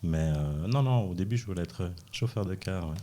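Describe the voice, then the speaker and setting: Low, warm and animated at a normal pace, this middle-aged dance school founder jokes at his own expense as a guest in a casual podcast chat. He was born in Chile and moved to Switzerland at five.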